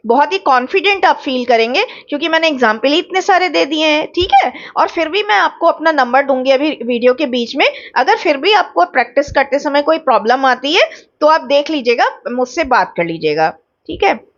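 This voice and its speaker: A woman's voice: high voice, lively intonation, a little fast, lo-fi sound. A woman with an Indian accent giving an English grammar lecture, explaining step by step and often checking that students follow. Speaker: English teacher. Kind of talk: online exam-prep lecture.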